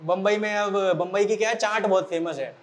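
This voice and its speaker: A high-pitched male teacher telling a story in a lively way, speaking straight to his students. He is from central India and uses the tale to set homework. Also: brisk. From Morena, central India. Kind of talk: storytelling lesson. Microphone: recording for an online class video.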